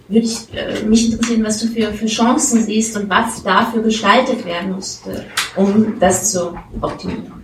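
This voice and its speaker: A woman in the audience puts a question politely, pausing to find her words. She sounds far from the mic in an echoey hall, with clear background noise. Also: fairly high pitch. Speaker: audience member asking a question.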